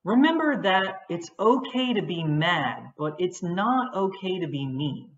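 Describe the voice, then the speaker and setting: A woman teacher giving a patient, gentle lesson on feelings for young children. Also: on the low side, lively intonation, a little slow. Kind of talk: children's social-emotional lesson. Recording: echoey, dull recording.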